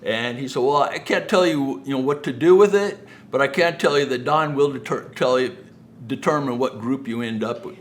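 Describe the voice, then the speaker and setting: A middle-aged man, a speaker who builds homes, recounts business anecdotes in a relaxed, folksy, conversational manner and frequently acts out the dialogue. He speaks at a moderate pace in a mid-range voice.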